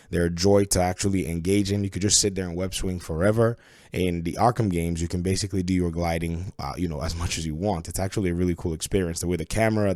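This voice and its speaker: A man with a fairly low voice, recorded close and dry, talks through a game review. He sounds stuffy-nosed from a cold and speaks in a casual, conversational, opinionated way. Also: darkish tone, no room sound.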